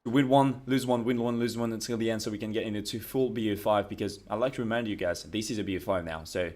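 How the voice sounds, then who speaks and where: A man with a French accent co-casting a live match, chatty, with hesitant fillers and throat clearing. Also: lowish voice, quick pace, a little mellow. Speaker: esports co-caster. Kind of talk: live game commentary.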